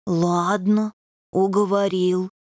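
A woman voicing a young male plasticine imp, a meek pacifist, talking hesitantly and slowly. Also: fairly low pitch, little pitch movement, a little mellow, dry recording, clean studio sound, pitched below the performer's own voice. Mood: timid.

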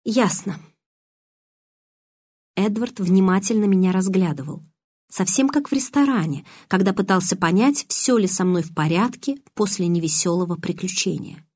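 A woman reading first-person audiobook narration in a calm, measured storytelling manner. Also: lowish voice, no echo, studio quality. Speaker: audiobook reader.

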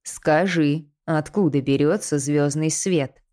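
A woman's voice: sits low, takes it slowly, mellow. A woman voicing a brutal male torturer who growls threats in an audiobook. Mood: threatening. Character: brutal male torturer, adult man, menacing.

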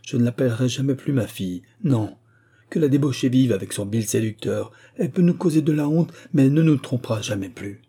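A man's voice: medium pitch, a little fast, warm tone, slightly rough. A man voicing a distraught older mother who speaks in tearful, bitter reproaches.

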